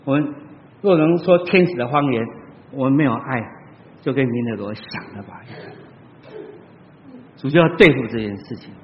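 A man preaching a sermon, telling stories and addressing the congregation, swinging between loud exclamations and soft asides. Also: medium pitch, moderate pace, pauses often, slight background noise. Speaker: pastor. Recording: long hall reverb, dull lo-fi sound.

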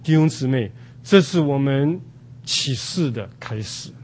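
An older man from Taiwan preaching a sermon at an unhurried pace, with many drawn-out "ah" fillers. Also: medium pitch, animated, darkish tone.

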